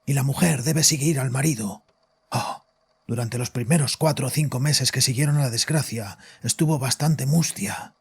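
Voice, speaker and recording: A smug, stubborn note runs through this mid-range voice, husky and gravelly, as an actor voices a domineering father in distress for an audio drama. His confessing is anguished and halting.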